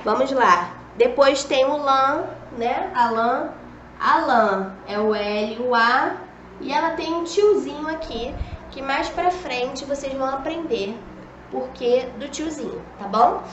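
A woman's voice: high-pitched, takes it slowly, fairly bright tone, a little hiss or hum. A young woman teaching preschoolers in a recorded video lesson, patient and coaxing, often checking in with the children. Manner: patient, coaxing, talks to kids as "a tia", many "ó" and "tá bom?". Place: classroom with a whiteboard. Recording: dull echoey room recording.

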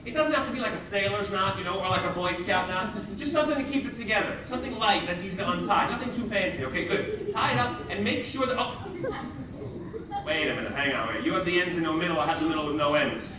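High-voiced kids party magician, man in echoey hall. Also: lively intonation, fast, muffled recording, a crowd in the background. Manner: playful, jokey, hyping up children. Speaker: children's magician. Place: library auditorium stage, indoors. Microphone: distant audience camera. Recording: roomy, noisy hall recorded from far off.

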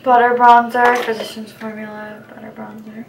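A woman's voice: a little high, flat delivery, normal speed, background noise. A young woman talking casually through the makeup products she is putting on. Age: young adult. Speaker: makeup artist guest. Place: small room indoors, seated at a table. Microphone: camera a few feet away. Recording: distant mic, music behind, clinking.

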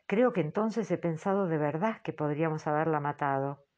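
Audiobook narrator, woman, low-key and lowish, dull audio. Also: darkish tone. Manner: measured, low-key reading. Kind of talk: scripted literary narration.

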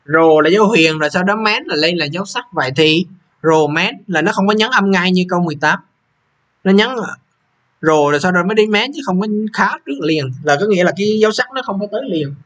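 A young man teaching English leads an exam walkthrough lesson in a high, slightly bright voice, speaking a little fast. As he takes the students through the test, he repeats each question number and checks they follow.

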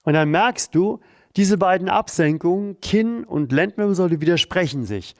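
A man leading a guided exercise routine, calm and encouraging, talking while he does the moves himself. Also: high voice, normal speed, dry recording, studio quality. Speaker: therapy coach leading exercises.

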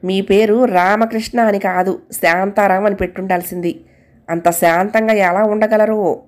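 A woman's voice: mid-range voice, fairly even intonation, moderate pace, close to an everyday voice. A woman voicing a tired, irritated housewife who speaks sharply and sarcastically. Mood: teasing.

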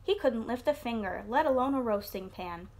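Lively woman reading a storybook aloud. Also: a little high, moderate pace. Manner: expressive, storyteller's lilt. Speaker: teacher. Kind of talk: reading a picture book aloud to a child. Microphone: computer mic on an online class.

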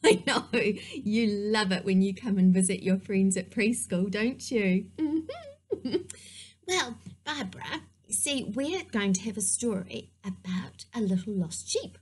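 A woman's voice: medium pitch, big pitch swings, slow pace, a little mellow, husky. A woman teaching preschoolers, talking to the children in a playful, sing-song way during a puppet-show lesson.

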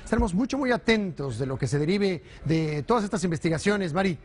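A middle-aged man reporting the news from a newsroom studio in a brisk, formal newscaster delivery. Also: high-pitched, expressive. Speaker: news correspondent.

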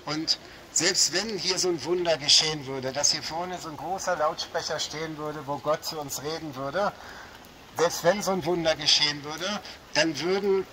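Fairly high-pitched, a man with a light Berlin accent, originally from Berlin, preaches with fervor on a shopping street. Rain falls as he stands under a small roof, often exclaiming "ja" and "Halleluja." The clip captures him through a small loudspeaker setup against loud street ambience.

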